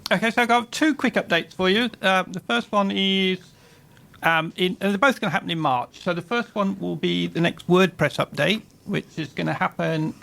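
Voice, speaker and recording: A man's voice: high-pitched, creaky, pushed and bright. A man, a guest expert on a radio show, explains website updates in a plain, matter-of-fact way and sounds slightly lisped through his microphone.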